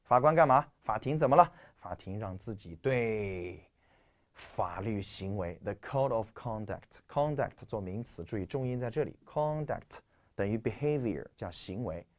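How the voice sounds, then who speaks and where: A man's voice: lowish voice, animated, normal speed. A man from China teaching English vocabulary in a lecture, explaining with rhetorical questions and a stuffy nose. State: stuffy nose, clearing throat.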